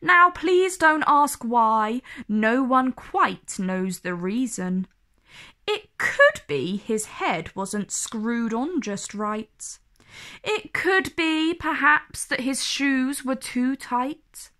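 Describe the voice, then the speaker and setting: A woman reading a children's story aloud in an expressive, theatrical way, with dramatic pauses and emphasis. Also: high voice.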